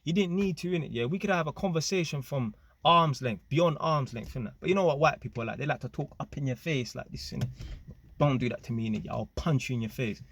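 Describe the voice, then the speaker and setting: A man's voice: mid-range voice, quick pace, slightly rough. Slang-heavy man telling a story. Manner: slang-heavy, animated, with frequent tag questions. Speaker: vlogger. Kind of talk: casual storytelling.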